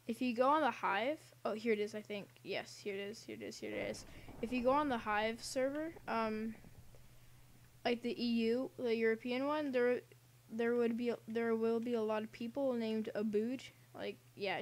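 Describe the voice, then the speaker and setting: A young woman with a fairly high voice talks her way through a game, rambling, giggling and tossing in silly asides. She sounds like she is at home, with a faint hiss of noise underneath. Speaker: gaming channel host. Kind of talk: casual gameplay commentary.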